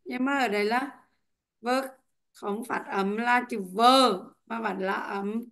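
A young woman leads an online English lesson in a slightly high, unhurried voice. She drills pronunciation patiently, one word at a time. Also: fairly even intonation, fairly bright tone. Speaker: English teacher. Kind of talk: online class teaching. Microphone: headset or computer mic on a video call.

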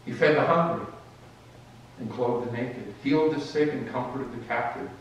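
A man reads a story aloud during a church service, measured and expressive, now and then restarting a phrase. His mid-pitched voice rings through a very echoey sanctuary, caught from a distance with faint room hum beneath it. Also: highs cut off. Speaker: reader in a worship service. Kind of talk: dramatic story reading.

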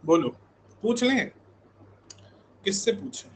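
In a high-pitched voice with lively intonation, a thirties-aged man from India takes his time while casually talking to his live online coaching class. He often repeats check-in tags, and a faint hiss or hum sits under the audio.

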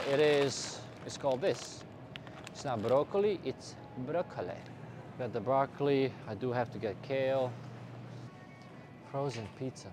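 A man from Bosnia filming a casual fitness vlog while shopping in a supermarket, joking and talking to the camera. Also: mid-range voice. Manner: playful, jokey, talks to camera. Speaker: fitness vlogger. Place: supermarket aisles. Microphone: handheld camera, filmed by cameraman. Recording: noisy store with background ambience. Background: shop ambience.

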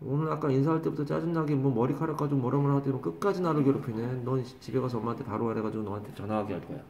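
Man, english teacher, teasing and scolding, slow drawn-out pronunciations, echoey classroom. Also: mid-range voice, vocal fry, darkish tone, highs cut off, a little hiss or hum. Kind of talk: classroom vocabulary lesson.

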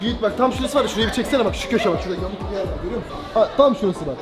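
A young man vlogging on a roller coaster, chatting casually in an excited, loud manner. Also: high voice, racing. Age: young adult. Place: outdoor amusement park roller coaster and covered station. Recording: loud music and crowd behind. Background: loud music, crowd.

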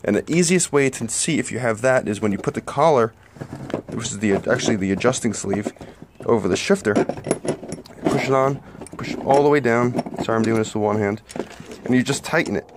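A man's voice: mid-range voice, fairly quick, background noise. A man in a garage explaining a car part repair while filming one-handed on his phone, plain-spoken and a bit apologetic. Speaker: home mechanic. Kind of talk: casual how-to vlog. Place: garage workbench under a tent. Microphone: phone held one-handed close to the work.

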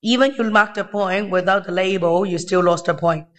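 A man with a thin, weak, unwell voice tutoring step by step in halting, short phrases, informally. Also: high voice, a bit bright. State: unwell, weakened voice. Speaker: maths tutor. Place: indoors at a desk.

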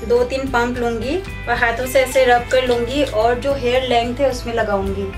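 Speaking at a moderate pace, a young beauty vlogger patiently explains each step of her hair care routine in a calm, instructive tone. Her slightly high voice comes across as distant because she sits away from the camera's microphone in a small indoor room, and clear background music plays all the way through.

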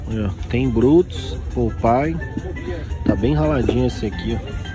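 Over music in a rough recording, a young toy vlogger with a medium-pitched voice and measured pace shows off toys at an outdoor flea market. He films as he walks on a handheld phone camera, keeping up casual commentary and pointing things out constantly.

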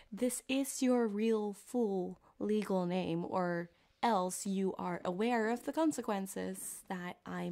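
A woman performer voices a flirtatious, sadistic yandere cyberpunk ripperdoc in an ASMR roleplay aimed at the listener, recorded on a close binaural microphone. Her fairly low voice is slow and soft-spoken, often sinking to a whisper, halting and coy, sweetly menacing.

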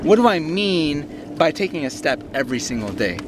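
A young man hosting an energetic, slangy motivational vlog from a small sailboat, talking into a camera held at arm's length. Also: on the high side, moderate pace. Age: young adult. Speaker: vlogger host. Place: small sailboat on open water outdoors. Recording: wind and water noise outdoors. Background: wind and water.

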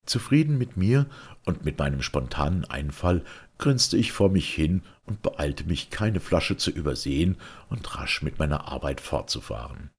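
A man reading a novel aloud in the first person, with measured, expressive storytelling. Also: extremely low pitch, husky. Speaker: audiobook reader.

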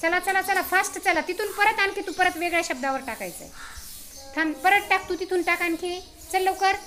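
A woman teacher running a reading game with young pupils, giving brisk directions and frequent praise. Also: extremely high pitch, pushed and bright, faint music behind. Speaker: primary school teacher. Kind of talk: classroom reading game instruction. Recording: noisy outdoor recording.

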